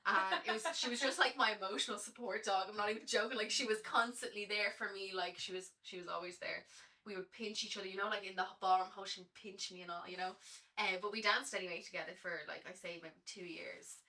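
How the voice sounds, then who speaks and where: A young Irish woman in her early twenties, a guest chatting casually about her life on a podcast in a lively, chatty way with lots of fillers. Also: mid-range voice, fast, recorded from a distance. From Ireland. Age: early 20s. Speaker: guest, Latin dancer.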